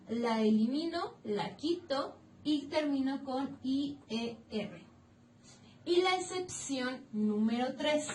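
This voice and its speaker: A Mexican woman teaches grammar in a recorded lesson, walking through each rule slowly and clearly. Her voice sits high and moves at an unhurried pace. She is heard from a distance in an echoey room with a faint hum of ambience behind her. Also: darkish tone. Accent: Mexican Spanish. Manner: slow, clear, stressing each rule step by step. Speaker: English teacher.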